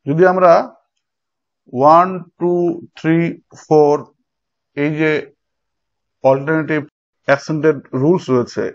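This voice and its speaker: Male teacher, slightly raised pitch, patient step-by-step explainer, muffled low-fi recording. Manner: explains step by step, addresses students directly. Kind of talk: exam-prep lecture. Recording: dull lo-fi recording.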